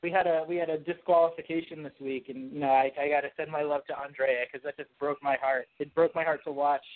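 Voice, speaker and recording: A line cook chatting casually, upbeat and teasing with an enthusiastic manner. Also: male voice, on the high side, little pitch movement, fast talker. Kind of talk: casual podcast chat. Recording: tinny phone-like line.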